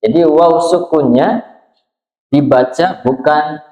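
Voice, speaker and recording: In a small prayer room, a man with a fairly high, mellow voice slowly teaches how to pronounce Quranic letters, patiently demonstrating sounds and drawing out recited words. The recording is roomy, dull, and lo-fi.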